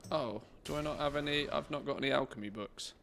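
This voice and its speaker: A man with a markedly creaky, gravelly voice at an average pitch. He gives casual game commentary, thinking aloud informally as he plays. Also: fast talker, fairly bright tone, slight background noise. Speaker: gaming content creator.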